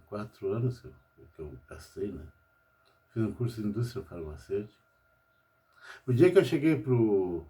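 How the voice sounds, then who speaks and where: Older man, mellow low tone; rambling home monologue, constant "né?". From Brazil. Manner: rambling, tags nearly every phrase with "né?". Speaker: pharmacist. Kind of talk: personal monologue vlog.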